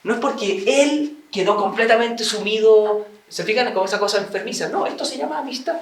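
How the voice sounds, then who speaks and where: A high-voiced man lectures an audience and slips into little acted-out dialogues. He sounds set back from the mic, and his voice rings around an echoey room. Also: fairly quick, recorded from a distance. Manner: acts out little dialogues, animated and chatty. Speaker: speaker giving a talk on marriage.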